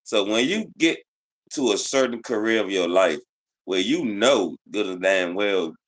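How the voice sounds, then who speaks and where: A man's voice: on the low side, animated, unhurried. Man, sports talk co-host, emphatic, preachy, slangy.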